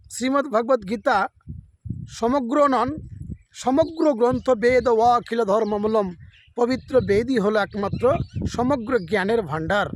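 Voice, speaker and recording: A man with an unusually high-pitched voice delivers a devotional sermon outdoors beside a rice field. He speaks as a preacher, circling back to his points again and again. He earnestly pleads with his listeners. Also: noisy background. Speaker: religious preacher. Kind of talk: devotional sermon to a camera audience.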